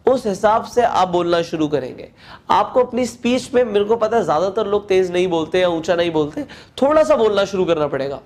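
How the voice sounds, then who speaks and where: A man with a Hindi accent giving a spoken English lesson, explaining step by step and reading English phrases slowly aloud. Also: high voice, a little mellow. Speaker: English teacher.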